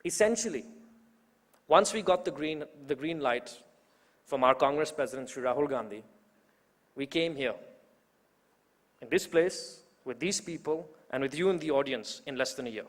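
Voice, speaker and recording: Man, 20s, emphatic public speaker with a slightly high voice, recorded with long reverb in a large hall. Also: expressive, normal speed, long pauses, fairly bright tone. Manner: rousing, emphatic, with rhetorical repetition. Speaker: youth organizer introducing the main speaker. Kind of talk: public speech at a political event.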